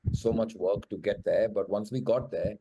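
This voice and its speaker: A man's voice: fairly low pitch, fairly even intonation, moderate pace, muffled recording, noisy background. A man with an educated, posh Indian English accent, speaking reflectively and articulately as a screenwriter in an interview. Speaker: screenwriter and show creator. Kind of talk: thoughtful panel interview answer.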